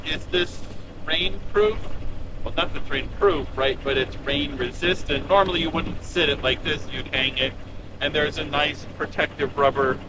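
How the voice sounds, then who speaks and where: A middle-aged man giving a casual product demonstration outdoors, shouting over a running truck engine. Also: a little high, heavy background noise. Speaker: host of an RV camping channel reviewing gear. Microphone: camera a few steps away. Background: running truck engine, music.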